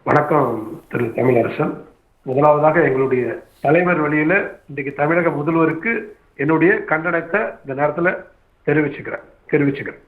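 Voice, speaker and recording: A man making a formal statement as a panelist in a TV debate, measured and formal. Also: a little high. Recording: tinny phone line.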